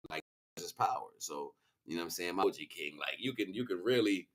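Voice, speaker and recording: Deep-voiced and animated, this man talks quickly as he runs a laid-back livestream. Responding to his viewers, he rambles on in slang, sounding preachy and impassioned.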